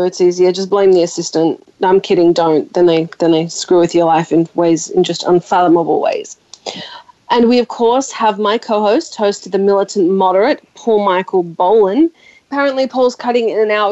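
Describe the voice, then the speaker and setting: A woman hosting a casual chat show, hoarse from a sore throat and joking and teasing her guest. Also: medium pitch, darkish tone, no room sound, highs cut off. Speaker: host.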